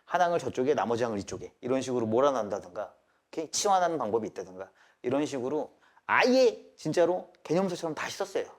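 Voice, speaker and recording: With a sing-song, mid-range voice, a male math teacher lectures live to his class. He repeatedly poses quick questions, drills students with check-ins, and mixes polite phrasing with casual talk.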